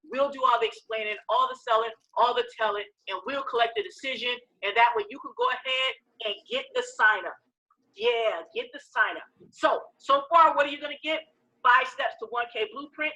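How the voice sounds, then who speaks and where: A woman giving a live sales training pitch as presenter, emphatic and repetitive, checking in with listeners with short questions. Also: sharp tone, rough recording.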